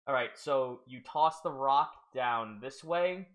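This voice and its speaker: Bright-voiced man running a tabletop game. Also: medium pitch. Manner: halting, with many restarts when explaining rules. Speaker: game master.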